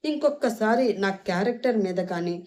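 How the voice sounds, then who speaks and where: A woman's voice: a little high, lively intonation, a little fast, a little mellow, voice pushed up, lightly acted. A woman voicing a hurt young woman who argues back through tears in an audio story. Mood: defiant. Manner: tearful and defiant. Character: hurt, defiant young woman, tearful but proud.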